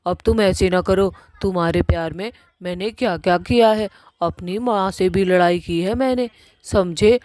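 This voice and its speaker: A woman voicing a pushy, lovesick young witch daughter in a cartoon, talking in a loud nagging way. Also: on the low side, normal speed, no echo, clean studio sound, natural voice. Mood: pleading.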